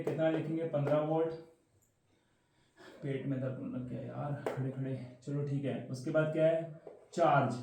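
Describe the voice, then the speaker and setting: A man's voice: on the high side, noisy background. Chatty male teacher in an echoey room. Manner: chatty, repeats questions back to students. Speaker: science teacher. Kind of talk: casual exam-prep lesson. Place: room, standing at a board.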